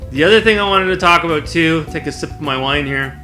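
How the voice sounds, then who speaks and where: A man's voice: a little high, quick pace, bright, forceful tone, faint music behind. A man talking casually to camera as a video blogger, in a conversational, rambling way. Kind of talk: casual spoken vlog to camera.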